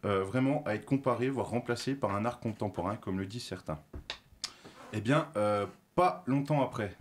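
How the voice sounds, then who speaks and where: A man presenting a segment on a talk show, explaining from his notes with a lot of filler sounds, self-corrections and light self-mocking asides. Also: medium pitch.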